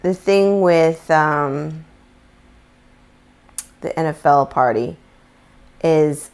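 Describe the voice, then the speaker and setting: A woman speaking candidly and reflectively in a casual conversation, often halting mid-sentence. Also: low voice, a little mellow, smooth. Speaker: guest.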